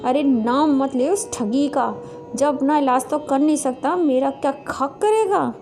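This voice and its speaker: A woman's voice: high voice, unhurried, soft background music. A woman voicing a harsh middle-aged mother-in-law in a storybook tale, talking sharply. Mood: scolding. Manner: sharp, scolding.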